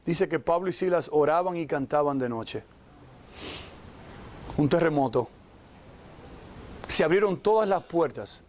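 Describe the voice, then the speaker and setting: A high-pitched man delivering a lively sermon. He stops to put questions straight to his listeners and breaks into short acted-out voices of the people in the story. His delivery is animated and full of exclamations. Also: a little slow, long pauses. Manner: animated, acts out voices of Bible figures; exclaims "wow" often, asks listeners direct questions. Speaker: pastor.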